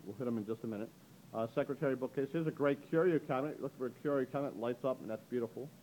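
Chatty auctioneer man with a mellow voice. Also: very fast, slight background noise, low-quality recording. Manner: chatty, upbeat pitch with frequent "ladies and gentlemen". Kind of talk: walk-through preview of auction items. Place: indoor antique gallery. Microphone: handheld camera mic, speaker behind the camera.

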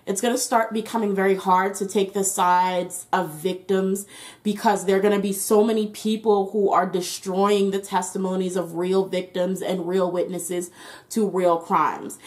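A woman giving a casual, improvised tarot reading, halting and repeating herself as she thinks aloud. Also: medium pitch. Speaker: tarot reader and channel host.

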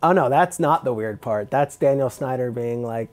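A man with a New Jersey accent, a sports reporter talking football as a podcast guest in a chatty, quick insider way full of fillers. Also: medium pitch. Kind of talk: casual podcast chat.

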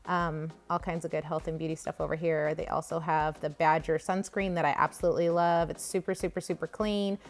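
Her deep voice and flat delivery contrast with her enthusiastic, gushing casual chat as she vlogs a grocery haul, talking briskly with hardly any pauses. A handheld phone behind the camera records her in the store, along with ambient noise and faint music.

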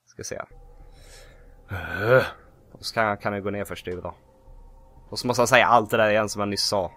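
A man giving casual, excitable gameplay commentary who yelps and shouts when he panics. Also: fairly low pitch, dry recording. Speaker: let's play host.

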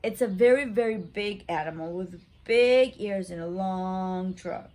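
Speaking at a measured pace and medium pitch, a woman in her thirties runs story time for young children. She's indoors in a small room at home, and her talk is expressive and simple, aimed straight at a child, with questions mixed in.

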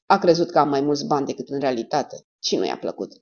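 A woman voicing a bored, near-insolent young woman who speaks flatly. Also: extremely low pitch, gravelly, heavily acted. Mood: weary. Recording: dull lo-fi audio.

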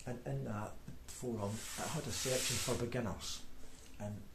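A man's voice: medium pitch, steady tone, moderate pace, creaky. A man in his forties with a broad Scottish accent, chatting casually in a rambling, hesitant, self-deprecating vlog. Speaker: beginner painter making video diary. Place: indoor room at a table. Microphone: microphone, off camera. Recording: roomy echo, background noise, clicks.

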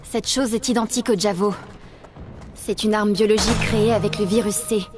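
An actress playing an earnest, determined young government agent in a French-dubbed video game, speaking seriously. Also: female voice, medium pitch, fairly even intonation, brisk, music in the background, close to an everyday voice. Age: young adult.

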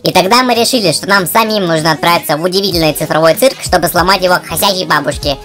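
A performer voicing a wry, joking male cartoon husky dog who narrates and chats. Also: medium pitch, fast, fairly bright tone, faint music behind, close to an everyday voice. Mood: narrating. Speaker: narrator and main character. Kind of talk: scripted cartoon narration and dialogue.

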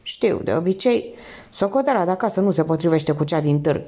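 A calm, earnest male teacher chooses his words formally and carefully. A woman voices him in an audiobook reading. Her tone is warm and the pitch lively.

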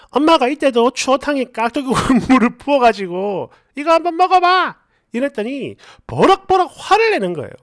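A woman with a high, bouncy voice reads a submitted story and its comments aloud. She is chatty and animated, sliding into mockery on the comments. The sound is dry and close. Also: dry recording. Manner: animated, chatty, mocking when reading comments. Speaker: story narrator.

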